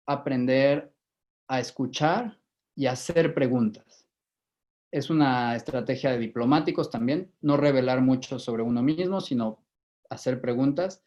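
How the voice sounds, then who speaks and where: A man with a Mexican Spanish accent giving a measured lecture to a live audience, often repeating words while he thinks. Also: medium pitch, darkish tone. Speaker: guest lecturer. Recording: dull lo-fi recording.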